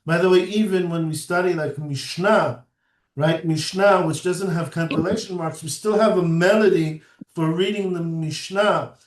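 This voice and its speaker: A man teaching a recorded lecture, explaining step by step and often checking in with "right?". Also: sits high. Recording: echoey room, mic at a distance.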